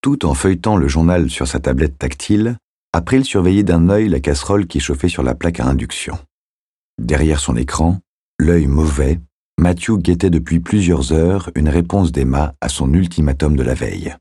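Very deep, husky male audiobook narrator. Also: dry recording, studio quality. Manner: measured, steady storytelling. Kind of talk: scripted narration.

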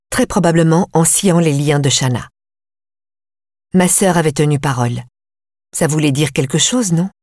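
A woman narrating a first-person story for an audiobook in a measured, calm way. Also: deep voice, no room sound, clean studio sound.

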